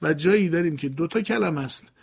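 A man co-presenting a recitation lesson, asking questions and chanting examples slowly. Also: on the high side, expressive, vocal fry, slightly rough.

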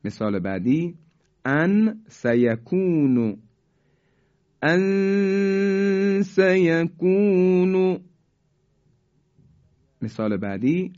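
A man teaching tajweed. He explains each rule quickly, then recites the examples slowly and drawn out. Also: medium pitch, dark tone. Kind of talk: tajweed lesson. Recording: dull lo-fi recording.

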